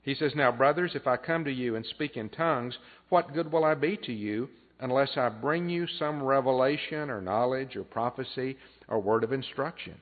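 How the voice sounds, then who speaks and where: A man preaching a sermon to his church, explaining scripture plainly and often pausing with "uh" and clearing his throat. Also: mid-range voice. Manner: unhurried teaching with frequent "uh" fillers and throat clearing. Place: church assembly. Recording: tinny phone-like sound.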